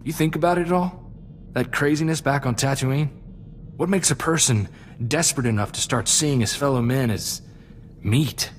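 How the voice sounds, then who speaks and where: Voicing an earnest, loyal young sidekick in a space-adventure game cutscene, a man speaks in a plainspoken, folksy way, sounding troubled and reflective. His medium-pitched voice is close to everyday speech at a normal speed, with a little hiss or hum.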